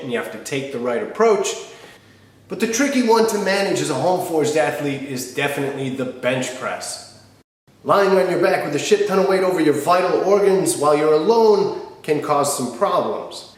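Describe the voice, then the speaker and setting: A man, talking to camera in a direct, colloquial, instructional way as a fitness host. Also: on the high side. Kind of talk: talking to camera, answering viewer questions. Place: small wood-panelled home gym, indoors. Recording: very echoey room.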